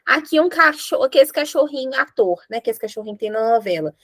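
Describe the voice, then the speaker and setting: A woman with a Brazilian Portuguese accent teaching an English grammar lesson, explaining in a playful, animated way with jokes. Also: on the high side, a little fast, no echo, clean studio sound.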